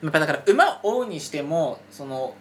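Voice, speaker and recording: A man's voice: on the high side, big pitch swings, a little fast, a little hiss or hum. A man in casual podcast chat, giving frank feedback and murmuring agreement.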